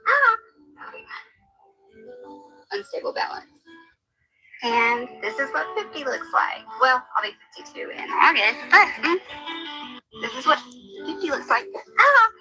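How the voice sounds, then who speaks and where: Brief: woman in her fifties, high lively voice, very bright tone, bubbly social clip. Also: measured pace, pauses often, faint music behind, poor audio. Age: 50s. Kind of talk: short social media clip.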